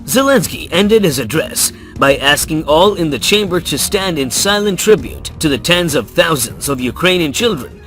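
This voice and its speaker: Measured male newsreader over soft music. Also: a little high. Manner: even, measured newsreader delivery. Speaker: news narrator. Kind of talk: scripted news voice-over. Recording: faint music bed behind the voice.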